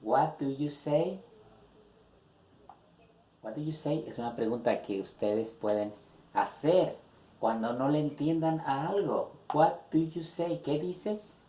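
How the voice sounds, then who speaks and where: A man teaching an English grammar lesson in Spanish, slowly repeating example questions and their translations. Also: a little high, dark tone. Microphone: phone. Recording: echoey room on a phone.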